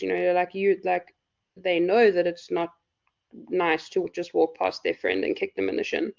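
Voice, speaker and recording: A woman lecturer with a hoarse, croaky voice, explaining loosely with lots of fillers in a live university class. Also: fairly low pitch, a little mellow. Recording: dull lo-fi recording.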